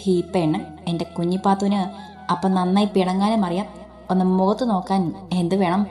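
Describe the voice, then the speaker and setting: A woman voicing a gentle, protective young husband in a spoken story, talking softly and coaxingly. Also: mid-range voice, flat delivery, normal speed, soft background music, close to an everyday voice.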